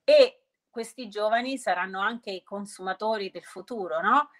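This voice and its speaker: A woman's voice: medium pitch, normal speed, fairly bright tone. A woman answering conversationally in an interview, often restarting and rephrasing, dropping English business terms into her Italian. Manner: hesitant, often restarting and rephrasing mid-sentence. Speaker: interview guest, sustainability entrepreneur.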